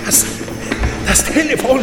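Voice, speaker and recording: A man's voice: very high voice, huge pitch swings, measured pace, exaggerated voice. An actor in an audio drama playing a frightened older man fleeing monsters, stammering, cursing and asking agitated questions. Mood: panicked. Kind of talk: German audio drama acting. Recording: echoing hall, music behind.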